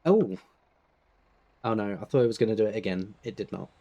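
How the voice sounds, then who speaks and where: Brief: laid-back British male gamer, low and warm, chatting over gameplay. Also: fairly quick, highs cut off. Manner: laid-back, laughs often, clears throat. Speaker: gaming channel host. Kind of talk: casual gameplay chat.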